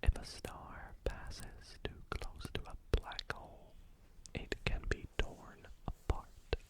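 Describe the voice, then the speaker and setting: A woman whispering facts slowly for ASMR, breaking off into chatty asides about what she reads. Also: rough recording. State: sleepy, yawning. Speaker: ASMR creator. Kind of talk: whispered ASMR fact reading.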